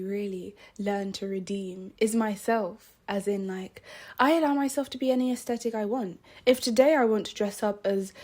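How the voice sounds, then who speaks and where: A young woman with a light, high-set, breathy voice chats openly to her viewers. She bubbles over with excitement and laughter, then slips into hushed whispers before lifting her voice again. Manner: excitable, giggly, drifts into soft whispers. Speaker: vlogger. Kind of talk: casual personal monologue.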